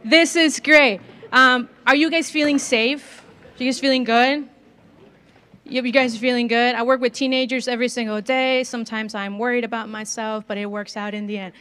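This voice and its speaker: Speaking into a handheld mic in a large gym, a guest speaker in her twenties gives a sermon in a conversational style and puts questions to the audience. She is from northern Mexico, speaks Spanish as her first language, and has a slight Mexican accent; her voice is a little high, fairly bright, and clean.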